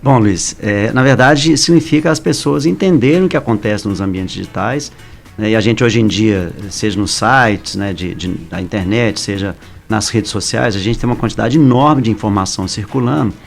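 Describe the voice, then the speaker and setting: A man with a Brazilian accent, a professor guest on a radio show, explaining in a measured way with small hesitations and restarts. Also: on the low side, gravelly, faint music behind. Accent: Brazilian Portuguese. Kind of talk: explanatory interview answers. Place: radio studio. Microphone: studio microphone.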